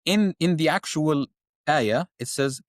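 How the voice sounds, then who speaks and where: A young engineer and science teacher appears as a guest on a conversational podcast about faith, speaking in an expressive, higher-pitched voice at an unhurried pace. Earnest and impassioned, he often repeats words while searching for the next one, and the studio sound is clean with no room echo.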